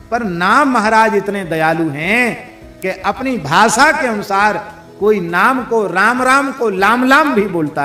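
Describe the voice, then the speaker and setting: A man delivers a devotional sermon in a slightly high voice. He speaks very slowly and deliberately, posing rhetorical questions to his listeners. The sound is roomy and echoing, with faint music underneath. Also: pushed and bright. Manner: unhurried preaching with rhetorical questions and recited verses. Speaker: spiritual teacher. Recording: echoey hall with faint music.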